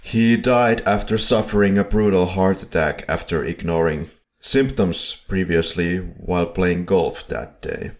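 Deep-voiced man hosting a film podcast. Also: measured pace, few pauses. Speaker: podcast co-host. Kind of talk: casual film podcast chat. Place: home setup in Poland.

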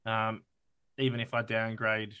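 An Australian man co-hosting a casual sports podcast, excitable and swearing freely as he talks through his team picks. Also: lowish voice, unhurried, clean tone. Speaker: podcast co-host.

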